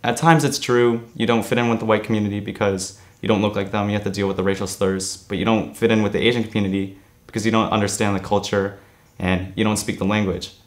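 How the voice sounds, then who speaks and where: A seventeen-year-old young man born in Korea, answering interview questions earnestly with frequent "um" pauses, in a studio. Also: on the low side, flat delivery. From born in Korea, raised in New Jersey. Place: studio against grey backdrop.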